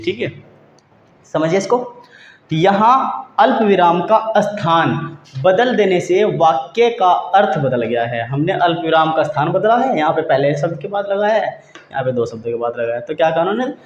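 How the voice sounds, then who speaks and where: A man's voice: a little high, slight background noise. A man teaching a grammar lesson, who repeats key points and asks and answers his own questions. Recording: roomy, dull lo-fi sound.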